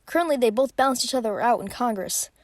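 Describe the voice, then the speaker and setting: A woman's voice: fairly high pitch, expressive, fast talker. A young woman narrating a sarcastic comic history explainer, recorded on a phone. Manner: sarcastic, playful. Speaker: video creator.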